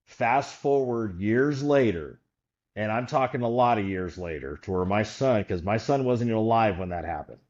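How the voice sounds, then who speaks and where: The audio is dull, and the man's lowish voice moves at normal speed. As a podcast guest, he relates a long story casually, an animated storyteller who acts out the voices of those involved.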